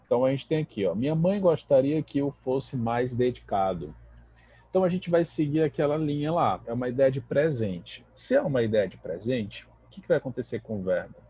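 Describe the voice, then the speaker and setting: Brazilian man, native Portuguese, English teacher, explanatory and patient, husky, lo-fi dry recording. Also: medium pitch, animated, fairly quick, no room sound. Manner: explanatory, repeats and checks with "né?" and "tá?". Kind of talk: classroom grammar lesson.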